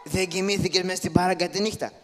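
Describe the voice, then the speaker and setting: Speaking high and steady, near his everyday voice, a man performs the comic father in a live shadow-puppet show. The character is poor, scrappy, and bossy, teasing his children as he scolds them, all captured in an echoey hall.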